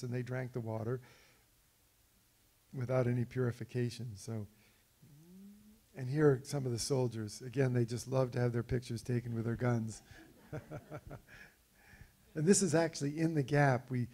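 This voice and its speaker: A man giving an illustrated talk about an expedition, telling stories over his slides in a relaxed way with frequent fillers and restarts. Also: mid-range voice, vocal fry. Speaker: speaker presenting slides of an expedition.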